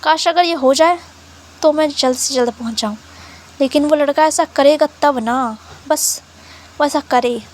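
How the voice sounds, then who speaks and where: A woman's voice: sits high, unhurried, darkish tone. A woman voicing a young male sea creature who has lost his pearl, talking in a whiny, frustrated way. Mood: brooding.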